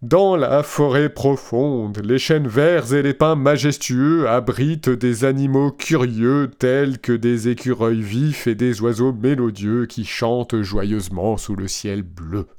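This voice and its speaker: A man's voice: mid-range voice, slow pace, hardly any pauses, natural voice. Man putting on a half robot voice. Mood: robotic. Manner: flat, mechanical robot-style reading. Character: AI chatbot read in a put-on robot voice.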